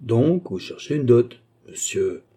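A man voicing a calm, sharp-tongued male servant who speaks with quiet irony. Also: mid-range voice, takes it slowly, slightly rough, voice pushed up, exaggerated voice. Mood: calm, needling.

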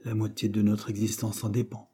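A man's voice: lowish voice, monotone, a little fast, mellow, slightly rough. A man voicing an earnest, polite schoolboy who speaks eagerly and respectfully.

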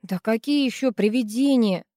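A woman's voice: a little high, moderate pace, mellow, no echo, clean studio sound, natural voice. A woman reading the lines of an irritable, skeptical teenage boy in a curt, dismissive way.

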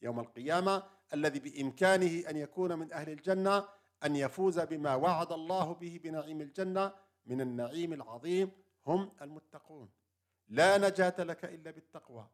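A man with a slightly raised voice delivers an earnest sermon. He leans on repeated short phrases and lists one after another, building them up with steady conviction. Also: on the high side. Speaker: preacher.

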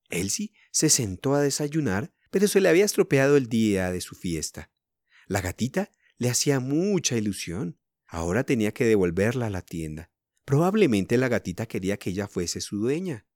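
A man from reading a children's story aloud in an expressive way, speaking to young listeners. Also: on the low side, normal speed, no room sound, clean studio sound.

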